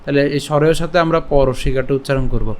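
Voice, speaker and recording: A man's voice: medium pitch, fairly even intonation. A man from Bengal teaching Sanskrit verse pronunciation, breaking words into syllables and checking in with the listener. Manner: slow syllable-by-syllable chanting of verses; patient, often asks "ঠিক আছে?". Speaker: Gita recitation teacher.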